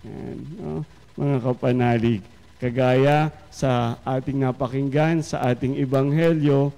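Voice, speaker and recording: A man with a Filipino accent giving a Sunday homily, speaking slowly and reflectively and often addressing his listeners. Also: a little high, vocal fry, mellow. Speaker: priest. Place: large church. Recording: long church reverb.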